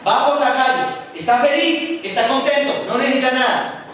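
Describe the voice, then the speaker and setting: A man's voice: very high-pitched, fairly even intonation, normal speed, a bit bright, a little hiss or hum. A man preaching a sermon, speaking conversationally and putting questions to the congregation. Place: church. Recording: echoey church from far off.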